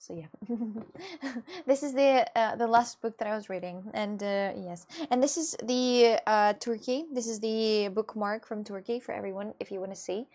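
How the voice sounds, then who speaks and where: On her live stream, a young woman from Russia talks with viewers in a slightly high, somewhat mellow voice. Russian is her first language, and her chatty English is hesitant, broken up by fillers and giggles.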